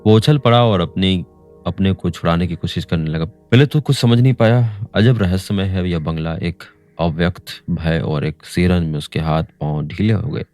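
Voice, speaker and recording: A male storyteller reading a novel aloud with a deep, low voice and dramatic expression. Soft music plays faintly beneath the narration. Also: normal speed.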